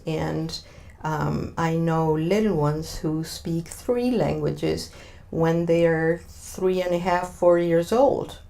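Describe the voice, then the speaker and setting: Slow, thoughtful Argentine woman. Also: on the low side, gravelly, darkish tone. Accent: Argentine Spanish. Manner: thoughtful, many filler sounds, searching for words. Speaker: interview guest. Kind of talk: interview answers.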